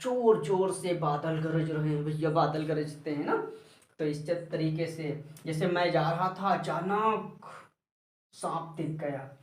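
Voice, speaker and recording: A man's voice: a little high, slow. A man teaching a grammar lesson, asking questions and answering them himself, and calling his students child and brother. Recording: echoey room, voice far from mic.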